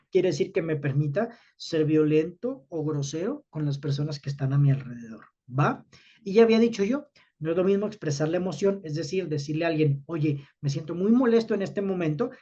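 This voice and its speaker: A man's voice: sits high, dark tone, breathy edge, highs cut off. A man, teaching students about emotions in an explanatory talk, often checking in with his listeners.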